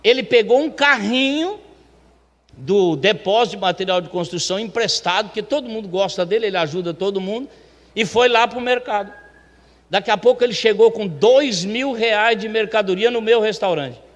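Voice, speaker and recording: A man with a high voice tells a testimony from the pulpit, chatty and animated, and acts out the voices of the people in his story. His voice rings through a church sanctuary with a long reverb. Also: moderate pace. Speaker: church elder telling a testimony.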